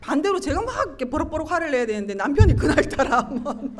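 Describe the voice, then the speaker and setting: A middle-aged woman giving an animated, emotional church testimony, acting out her own quoted words. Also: high-pitched, fast talker. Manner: animated storytelling, acting out her own quoted lines, laughing and tearful at times.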